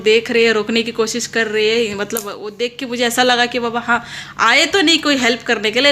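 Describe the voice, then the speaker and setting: A woman's voice: fairly high pitch, pushed and bright, a little hiss or hum. A young woman with a Rajasthani Hindi accent, vlogging at home and chatting casually to the camera. She tells a story at length with many restarts, and she has back pain.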